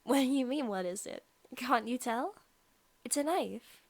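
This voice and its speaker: A young woman voices a possessive female vampire student in an intimate ASMR roleplay, her slightly high voice soft and partly whispered with lively intonation and no echo. Her slow, coy, sweet talk slides into taunting, sounding both menacing and excited as she plays the predator.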